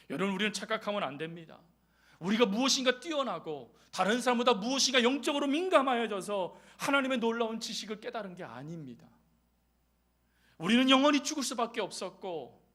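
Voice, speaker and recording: A man with a notably high voice delivering a church sermon. He presses his points with rising rhetorical questions, then drops to soft, almost whispered phrases. His delivery is earnest and pastoral. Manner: emphatic preaching with rhetorical questions, dropping to hushed lines.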